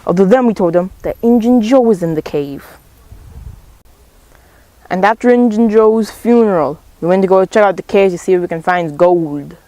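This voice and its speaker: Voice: mid-range voice, normal speed, mellow, no echo, natural voice, poor audio. A student voicing Tom Sawyer, a bold boy retelling his adventures in a school character play. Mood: proud.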